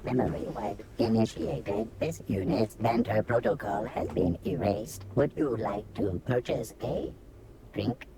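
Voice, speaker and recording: A woman voicing a deadpan female bartending robot in a video game, her voice run through a robotic filter and delivered in flat, mechanical announcements like a machine booting up. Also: rumbling low, unhurried, very noisy. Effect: robotic synthesized voice filter. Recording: game audio with crowd chatter behind.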